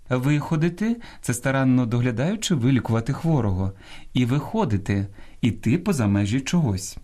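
A man's voice: mid-range voice, dark tone. A man hosting a radio program on correct language, explaining common mistakes word by word in a didactic manner from a studio.

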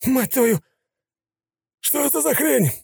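A bloated, sneering gangster boss drawls his taunts in a high, slow voice. He sounds smug and cruel. The recording is dry and close. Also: animated, gravelly, dark tone, slightly rough, no room sound, heavily acted. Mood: panicked. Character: fat sneering male gangster boss, mocking.

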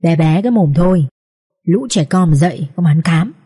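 A woman reading an audiobook voices a sharp-tongued peasant wife who nags and mocks in a raised, quick voice. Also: on the low side, lively intonation, breathy edge. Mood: mocking. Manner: nagging, mocking.

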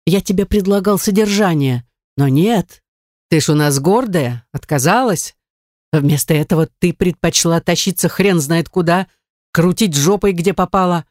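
A woman voicing a jealous, cruel young man who snarls and sneers, in a dark, dry audiobook reading. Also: high voice, moderate pace, no echo, close to an everyday voice. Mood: menacing.

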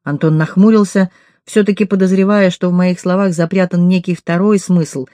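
A woman's voice: on the low side, steady tone, normal speed, dark tone, no echo. Woman reading a first-person novel. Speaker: audiobook reader. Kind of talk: first-person audiobook narration.

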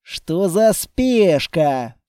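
A man's voice: high voice, big pitch swings, drawn-out words, mellow, clear, resonant tone, no room sound, heavily acted. A man voicing a blunt, skeptical male fighter in an audiobook, asking pointed questions.

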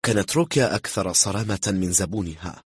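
A man reading a thriller novel aloud in a steady, measured narrating voice. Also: low-pitched, breathy edge, no room sound. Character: calm, cool-headed man bluffing.

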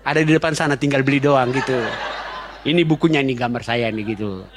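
Male pastor, quick and chatty, jokes through his sermon. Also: mid-range voice, noisy background. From Indonesia. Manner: fast-talking, joking, chatty storytelling.

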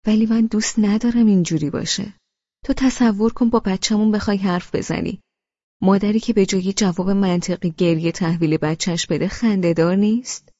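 A woman voicing a gentle, teasing young husband in an audiobook, calm and reasoning, in a dull lo-fi recording. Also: medium pitch, in a large hall, natural voice. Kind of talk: audiobook character reading.

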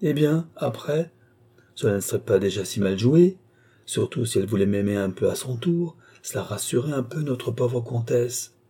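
A man's voice: medium pitch, animated, moderate pace, warm tone, slightly rough. A man voicing a flippant, scheming young nobleman in an audiobook. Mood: glib. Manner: glib, ironic.

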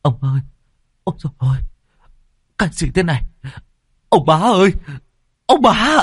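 A man voicing an alarmed male servant who shouts urgent calls for help, in a horror story reading. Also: on the high side, very animated, moderate pace, husky, dry recording, studio quality, voice pushed up, full character voice.

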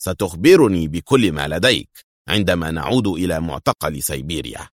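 A man voicing a cunning Soviet officer who speaks quietly, sternly and with cold threat. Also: sits low, animated, fairly quick, no echo, clean studio sound. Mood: cold menace.

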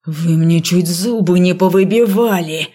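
Woman reading a furious male dean, growling, threatening, loud, low. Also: slow, vocal fry, husky, full character voice.

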